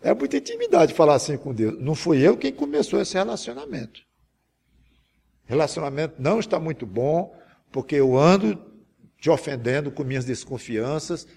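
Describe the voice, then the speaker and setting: A man delivering a sermon, his voice gravelly with a husky edge and sitting somewhat high for a man. He talks in an earnest, pleading way, often breaking off and restarting his phrases. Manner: earnest, pleading, with many restarts and self-corrections. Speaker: preacher. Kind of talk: sermon with a spoken example prayer.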